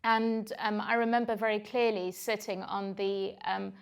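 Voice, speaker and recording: Speaking to an audience at a moderate pace, this South African-accented woman in her forties has a mid-range voice that is gravelly yet smooth, with a flat delivery. She tells her own story on stage, candidly and reflectively, with plenty of "um" fillers.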